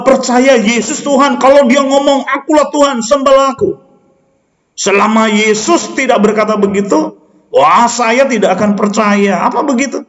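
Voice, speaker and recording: A man preaching a sermon, pressing his listeners with rhetorical questions and calling them brothers and sisters. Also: extremely high pitch. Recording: echoey hall.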